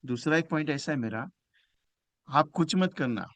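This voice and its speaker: A man gives a motivational sales training talk in a bright, forceful, somewhat high voice. He swings between loud, emphatic bursts and quiet asides, and acts out phone calls with clients. The sound is close and dry. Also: lively intonation, moderate pace, no echo.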